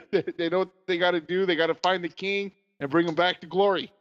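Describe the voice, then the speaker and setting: A man's voice: high voice, steady tone, fairly bright tone. A man guest on a podcast, chatting casually and repeating words as he gets going. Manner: halting, repeats words as he starts. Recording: dull lo-fi sound with long reverb.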